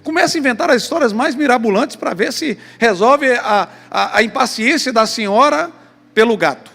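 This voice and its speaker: A man with a Brazilian Portuguese accent preaching a sermon, telling a story in an animated way to the congregation in a church hall. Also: extremely high pitch, normal speed, vocal fry. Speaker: pastor. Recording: long church reverb, faint music.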